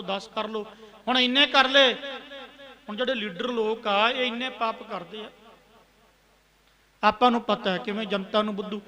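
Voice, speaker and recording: A Punjabi-accented man preaching a sermon, slowly chanting scripture verses and then explaining them in plain everyday talk. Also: very high voice, pushed and bright. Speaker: Sikh preacher.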